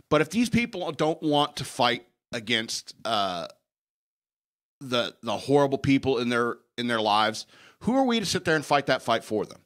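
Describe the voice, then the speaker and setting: A man's voice: medium pitch, sharp tone. A man hosting a talk show, delivering a blunt, emphatic, opinionated news rant and repeating phrases for effect.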